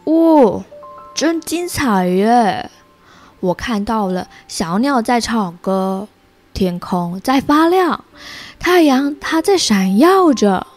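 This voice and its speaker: A woman's voice: on the high side, animated, slow, faint music behind. A woman voicing an exasperated squirrel from a storybook, expressively read to a toddler. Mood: delighted.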